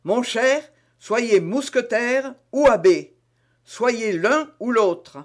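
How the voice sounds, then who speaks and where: A man's voice: very high voice, expressive, extremely slow, full character voice. A man reading the part of a vain, blustering young musketeer who talks in a hearty, emphatic, lecturing way in an audiobook.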